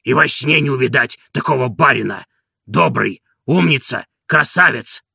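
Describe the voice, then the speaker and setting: A man voicing a hoarse, devoted old servant in an audiobook, indignant and boastful. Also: medium pitch, lively intonation, moderate pace, sharp tone, no room sound, clean studio sound, full character voice. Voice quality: gravelly, hoarse.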